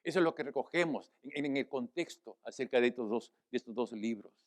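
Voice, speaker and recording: A man preaching a sermon as pastor, swelling loud on key phrases, then easing back into a quieter teaching tone, often asking the congregation to agree. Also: medium pitch, animated, a little fast. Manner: asks the congregation "¿verdad?" and addresses them as brothers. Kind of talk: Spanish-language sermon.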